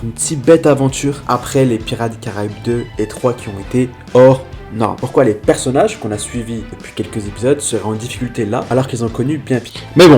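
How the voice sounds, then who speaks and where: A man's voice: medium pitch, darkish tone. A man reviewing films in a casual, blunt monologue, ranting with slangy exasperation. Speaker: film reviewer. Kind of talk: casual film critique monologue.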